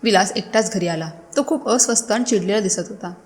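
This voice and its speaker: A woman narrating a first-person family story in a steady, measured way. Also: medium pitch. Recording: long hall reverb.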